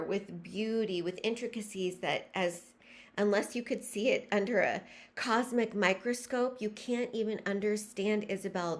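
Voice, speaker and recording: A woman speaking as a spiritual guide, leading a guided breathing meditation in a slow, soothing, breathy way. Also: fairly low pitch.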